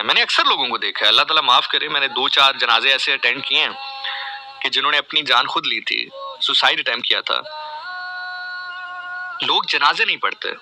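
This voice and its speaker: A man's voice: fairly high pitch, bright, forceful tone, poor audio. A man, a radio host giving an earnest, reflective monologue full of pleading rhetorical questions. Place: radio studio.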